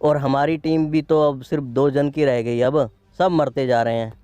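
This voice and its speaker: A man's voice: mid-range voice, fairly even intonation, moderate pace, warm tone, clean tone, no room sound, soft background music, lightly acted. A man voicing a brash, defiant young gang member in a game roleplay. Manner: brash, challenging.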